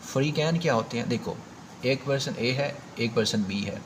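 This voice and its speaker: A man's voice: medium pitch, moderate pace, noisy background. A man with a Pakistani accent teaching an exam prep grammar lesson, explaining step by step and repeating key points with emphasis.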